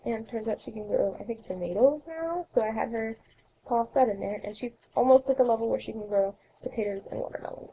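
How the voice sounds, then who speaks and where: Raspy young gal with a cold rambling over her sims game, kinda high but gravelly, faint hiss. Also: mellow, low-quality recording. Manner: chatty, rambling, self-correcting. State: coughing, sore throat. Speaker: let's play host. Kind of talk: casual gameplay narration.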